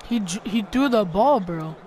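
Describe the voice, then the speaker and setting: A man playing a video game, reacting excitedly and repeating names and phrases over and over. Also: high voice, moderate pace. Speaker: video gamer. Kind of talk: excited gameplay reaction chat. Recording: loud game crowd and commentary noise. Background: football video game audio.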